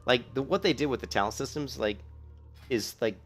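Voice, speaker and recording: A man's voice: mid-range voice, animated, brisk, fairly bright tone, soft background music. A man giving casual, rambling game commentary as a streamer, blunt and grumbling, often fumbling for words and restarting his phrases.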